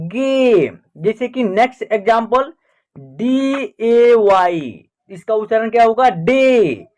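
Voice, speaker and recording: A man with a Hindi accent teaching English pronunciation, spelling words out letter by letter and checking in with learners. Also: very high voice. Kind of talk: slow spelling and pronunciation lesson.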